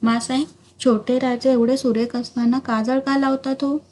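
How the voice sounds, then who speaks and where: A woman's voice: high voice, little pitch movement, normal speed, a little mellow, a little hiss or hum, lightly acted. A woman voicing a playful young boy prince in a spoken storybook, in a lightly raised voice. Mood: teasing.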